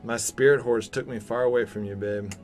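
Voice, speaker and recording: Soft music plays behind a gaming-channel host in his thirties as he talks briskly and playfully through his gameplay from a home recording room. His voice is medium in pitch and steady in tone.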